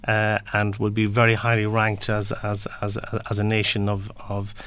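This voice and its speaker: A man from Galway with a west of Ireland accent, explaining things as an interview guest in a halting way, often repeating words as he searches for the next. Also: fairly low pitch, monotone, a bit bright, clear, resonant tone. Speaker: interview guest, construction industry representative.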